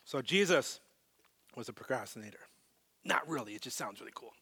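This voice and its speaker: A man preaching a live sermon to a congregation, animated, swinging from loud emphasis to very soft, hushed lines. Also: medium pitch, brisk, breathy edge. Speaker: pastor.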